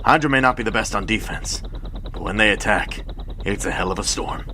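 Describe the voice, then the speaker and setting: An actor playing a steady, earnest, commanding soldier captain in an audio drama. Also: male voice, on the low side, a little fast, a little hiss or hum. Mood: urgent, commanding.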